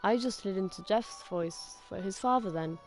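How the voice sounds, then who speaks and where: A woman streamer reading a horror story aloud on a game stream, halting and correcting herself often. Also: mid-range voice, faint music behind. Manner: halting, with many restarts and self-corrections.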